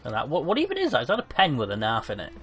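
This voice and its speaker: Lively joking man. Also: mid-range voice, racing, soft background music. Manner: joking, laughs often, swears casually. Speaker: co-host of a watch-along commentary. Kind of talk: casual chat.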